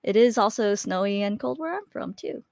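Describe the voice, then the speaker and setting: Young woman host, chatty and loose, mid-pitched, close dry USB mic, casual live-stream welcome. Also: lively intonation, moderate pace, gravelly, a little mellow, dry recording. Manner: chatty, friendly, filler-heavy with frequent restarts. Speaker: webinar host. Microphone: USB desk microphone.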